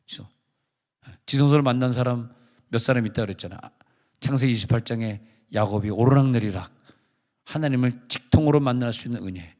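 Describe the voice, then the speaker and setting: A man's voice: medium pitch, fairly quick, darkish tone, long reverb tail. A male pastor giving a conversational, joking sermon to his congregation. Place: large church sanctuary.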